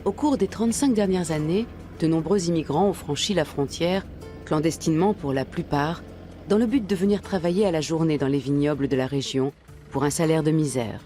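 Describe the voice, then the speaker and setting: A woman reading scripted documentary narration in a measured, even way. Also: low-pitched, faint music behind.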